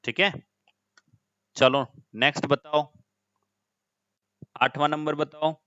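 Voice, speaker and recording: A man's voice: a little high, steady tone, slow, bright, forceful tone, clean tone, dry recording, muffled recording. A man teaching an online class, explaining step by step and often putting questions to his students.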